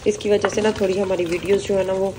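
A hoarse woman with a sore throat, chatting casually through a cooking vlog in her home kitchen, filming on a handheld phone. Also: mid-range voice, little pitch movement, fast talker, background noise. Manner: chatty, often adds a polite "okay ji". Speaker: vlogger.

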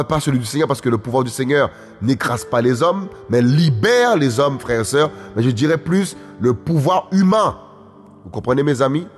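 A man preaching a sermon emphatically, repeating phrases and calling out to his listeners. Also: fairly high pitch. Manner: emphatic, repetitive, often calls out to listeners. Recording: faint music, long hall reverb.

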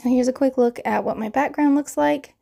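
A woman's voice: sits high, brisk, creaky, warm tone, faint music behind. A woman in her thirties with a crackly morning voice, chattily narrating a card-making tutorial voiceover and explaining each step.

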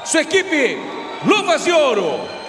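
A male ring announcer giving a grand entrance announcement in a shouted, drawn-out showman style. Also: very high voice, huge pitch swings, a crowd in the background. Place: live boxing ring in a large arena. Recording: echoey arena PA with faint noise.

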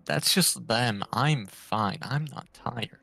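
A man's voice: mid-range voice, takes it slowly, gravelly, pushed and bright, faint music behind. A man chatting casually and joking on a stream, boastful in tone.

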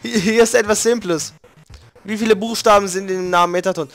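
A man's voice: sits high, steady tone, a little fast, fairly bright tone, no echo. A man doing a showy robot quiz host. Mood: showy, menacing. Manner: theatrical game-show announcing. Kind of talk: reading game dialogue aloud.

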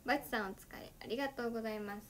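A woman's voice: on the high side, racing, a bit bright, a little hiss or hum. A teenage girl, an idol livestreamer, chatting casually and giggling often between sentences. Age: teens.

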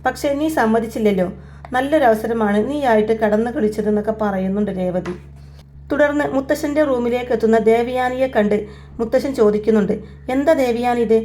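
A woman's voice: a little high, a little fast, dark tone, a little hiss or hum. A woman giving a chatty, conversational recap of a TV serial episode. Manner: chatty storytelling, conversational tags. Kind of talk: casual serial recap narration.

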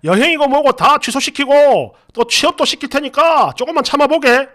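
An older father-in-law speaks in stiff, old-fashioned phrasing and takes the blame on himself. His voice stays close to the storyteller's own, only a little quieter, as a man reading the story acts him out. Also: very high-pitched, expressive, moderate pace, pitched above the performer's own voice, full character voice. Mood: concerned. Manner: old-fashioned formal speech.

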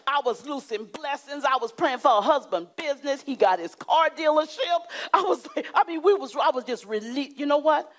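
A middle-aged woman delivers a sermon from a church studio, her voice swinging widely in pitch. She preaches emphatically, with dramatic pauses and drops to a hushed tone. She is recorded close on a lapel mic. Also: lively intonation. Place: church studio with curtain backdrop.

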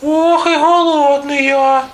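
Two tiny, playful mice squeak in a very high, thin voice. They are lazy and cheeky, piping every word with a bright, sharp edge. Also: male voice, steady tone, takes it slowly, full character voice. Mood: squeaky.

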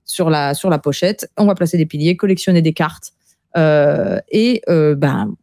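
A woman's voice: deep voice, expressive, unhurried, creaky, mellow, no room sound, clean studio sound. A woman co-hosting a casual podcast chat about board game news, talking freely with many hesitant fillers. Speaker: podcast co-host.

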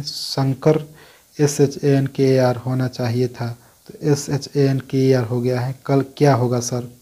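Answering viewer questions in a relaxed talk, this host has a warm, medium-pitched voice. He chats conversationally and leans often on the words "dekhiye" and "dosto."

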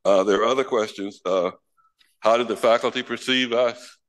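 A man presenting to an audience in a lecture room, laying out questions in a measured way at a podium. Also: mid-range voice, fairly even intonation. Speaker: event organizer, moderator.

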